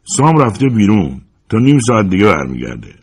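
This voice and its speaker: A man's voice: lowish voice, big pitch swings, slightly rough, voice pushed up. A man voicing a wary adult male diner counterman who answers briefly and guardedly. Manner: guarded, short replies.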